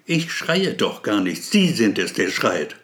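A touchy, pedantic man in a storybook, nervous and defensive, forever correcting the people around him, as a male reader voices him. His pitch swings widely as he insists on his point. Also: very animated, unhurried, a bit bright. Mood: insistent.

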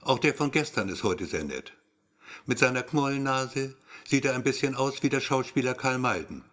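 A man's voice: medium pitch, expressive, normal speed, fairly bright tone. A man reading a story aloud as scripted first-person narration, with a wry, brooding inner-monologue manner. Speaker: audiobook narrator.

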